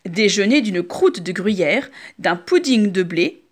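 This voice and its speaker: A woman voicing a calm, kind man in a children's story, speaking lower and slowly.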